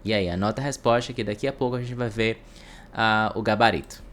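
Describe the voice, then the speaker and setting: A man with a Brazilian Portuguese accent, teaching an English lesson and translating each example. He reads the English phrases slowly and with care. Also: on the low side, a bit bright. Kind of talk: explanatory online lesson.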